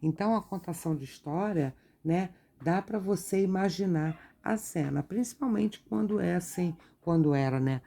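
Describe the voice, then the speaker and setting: A woman teacher reads from a textbook during an art lesson and explains each point slowly, with tag questions. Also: lowish voice, creaky, warm tone.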